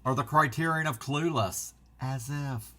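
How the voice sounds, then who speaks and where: A man chats casually as a vlog host. His voice is bright and forward at a middling pitch, and he talks in an excitable, rambling way, cutting himself off mid-thought. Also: a little slow. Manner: excitable, rambling, self-interrupting. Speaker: physical media channel host.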